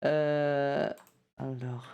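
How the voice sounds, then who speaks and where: A man's voice: mid-range voice, little pitch movement, very slow, creaky, dull audio. A man walking through a music-selling site's settings in a casual screen-recorded tutorial, talking loosely with lots of hesitations and self-deprecating asides.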